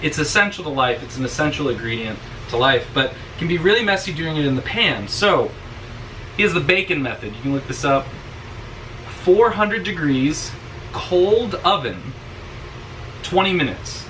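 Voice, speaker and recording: A man's voice: on the high side, lively intonation, normal speed. A young man in his twenties who works for a church, casually vlogging, chatty and rambling with lots of fillers. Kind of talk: casual vlog. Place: car, then home kitchen. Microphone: camera on dashboard, then camera on kitchen counter. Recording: distant camera mic with loud road noise.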